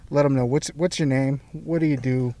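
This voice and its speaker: A man's voice: medium pitch, fairly even intonation, moderate pace, warm tone. Easygoing male podcast host in a car. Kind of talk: casual interview chat. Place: inside a parked car.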